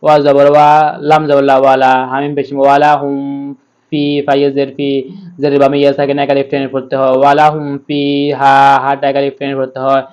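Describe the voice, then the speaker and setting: A man leads a recitation lesson, breaking each word into syllables before chanting the verses slowly. His speaking voice stays level and even. The recording sounds a bit muffled and lo-fi. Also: medium pitch, smooth. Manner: spells syllables letter by letter, patient instruction. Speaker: Quran reading teacher.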